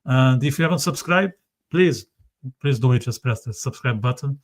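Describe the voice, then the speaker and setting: Halting male podcast host, mid-pitched. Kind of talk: casual interview chat.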